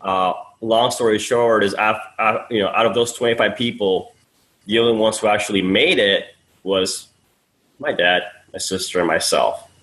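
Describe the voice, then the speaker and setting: A man from Peru, somewhere in his thirties, with a fairly low voice. He talks freely and casually as a podcast guest. He drops in "man" and "dude" and restarts his sentences often. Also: moderate pace, a bit bright, low-quality recording. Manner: talkative, loose and friendly, says "man" and "dude", many fillers and restarts. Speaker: guest, sales funnel coach.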